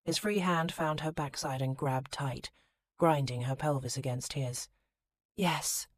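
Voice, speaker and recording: A woman narrating a historical romance audiobook in a measured, expressive reading. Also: very deep voice.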